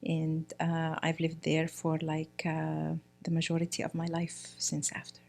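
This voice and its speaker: In a relaxed interview, a middle-aged Egyptian woman who is a priest's wife speaks as a guest in a fairly low voice with vocal fry. She talks plainly and unhurriedly, often pausing to find words, restarting, and filling gaps with "uh" and "you know."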